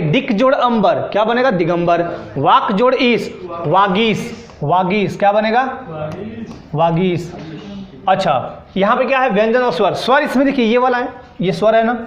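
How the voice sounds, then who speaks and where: A man's voice: high-pitched, lively intonation, moderate pace. A man teaching a classroom lesson, drilling students with repeated questions and answering them himself. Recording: echoey room, dull sound.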